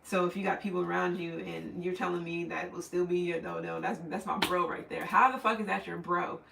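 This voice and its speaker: A man's voice: sits high, fairly even intonation, fairly quick, creaky, pushed and bright, roomy sound, far from the mic, low-quality recording. A man giving a casual, rambling tarot reading, swearing freely and laughing often. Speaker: tarot reader.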